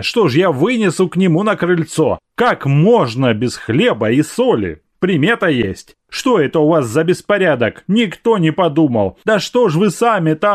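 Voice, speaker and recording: A fussy, bossy man of the household from an audiobook, played by the male reader. He hurries and scolds in a raised, lively voice. The sound is dry and close. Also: medium pitch, no room sound. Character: fussy middle-aged male family friend, bossy.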